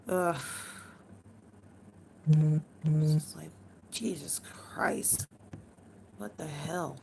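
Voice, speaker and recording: Hoarse low-voiced woman just chatting on her stream at home, slow and rambly, bit of hiss behind. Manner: rambling and loose, with frequent swearing and laughs. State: worn-out voice. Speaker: live streamer. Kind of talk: casual live-stream chat.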